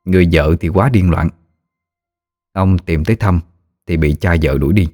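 A man narrating a ghost story in a steady, measured storytelling voice. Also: low-pitched, faint music behind.

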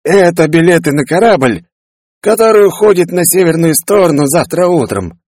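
A man's voice: a little high, lively intonation, moderate pace, darkish tone, no echo, studio quality, pitched above the performer's own voice. A man voicing a kindly, hospitable male shopkeeper, friendly and welcoming.

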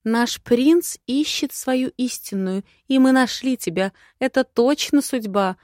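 A woman's voice: high voice, a little slow, darkish tone, no room sound, clean studio sound, voice pushed up. A woman voicing a commanding noble lady who gives emphatic orders and fusses over a girl. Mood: coaxing. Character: commanding noble matron, stern yet doting.

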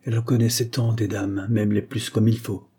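Husky, dark-toned male audiobook narrator. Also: lowish voice, little pitch movement. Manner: measured, storytelling. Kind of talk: reading a 19th-century adventure novel.

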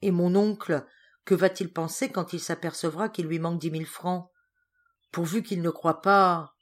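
A woman's voice: on the low side, fairly even intonation, moderate pace, lightly acted. Woman reader as an anguished pious young woman; pleading, distraught. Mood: horrified.

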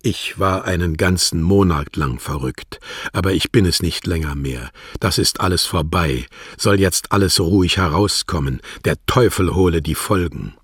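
Man doing a sullen guilty shopkeeper, radio drama, dull grim mutter, slow, dry sound. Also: sits low, slightly rough, no echo, exaggerated voice. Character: sullen, guilty middle-aged shopkeeper husband.

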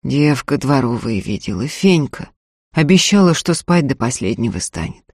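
A man reading an audiobook, voicing a young peasant man who speaks in a flat, lifeless, frozen voice. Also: medium pitch, moderate pace, dry recording, clean studio sound. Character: young peasant man, cold and numb with despair.

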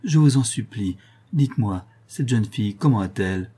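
A man's voice: fairly low pitch, expressive, normal speed, mellow, husky. A man reading an audiobook, voicing an earnest, tender noble young woman who speaks fervently and pleads.

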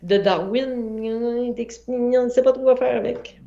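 A woman's voice: fairly high pitch, steady tone, creaky, dark tone. Playful chatty woman in an echoey room. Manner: playful, chatty, quick to laugh. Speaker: guest. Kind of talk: casual discussion. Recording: echoey room, dull lo-fi sound.

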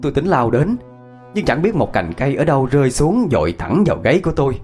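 A man narrating a first-person horror story in a tense, dramatic manner, slowing for suspense. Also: medium pitch, very animated, a little mellow, faint music behind.

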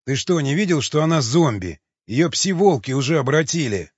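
A man's voice: on the high side, expressive, normal speed, breathy edge, no room sound. A man voicing a cold, mocking cannibal mercenary in an audiobook, with a sarcastic, menacing delivery. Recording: dull lo-fi sound.

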